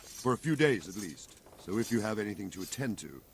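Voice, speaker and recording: An actor voicing a blunt, coarse veteran soldier in a video game. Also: male voice, fairly low pitch, very animated, brisk, creaky, a little hiss or hum. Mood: gruff.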